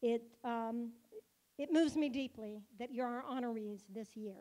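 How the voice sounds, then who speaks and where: High-voiced woman giving a playful banquet speech. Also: measured pace, mellow. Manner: playful, joking speaker. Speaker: synagogue president. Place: large event hall in a car museum.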